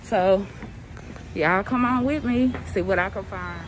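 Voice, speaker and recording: A woman's voice: medium pitch, unhurried, a little hiss or hum, low-quality recording. A woman in her thirties vlogging on a phone at arm's length while shopping at a market, chatty and calling her viewers y'all. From Texas. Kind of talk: casual vlog talk to camera. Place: outdoor farm stand and indoor market. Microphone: phone held at arm's length.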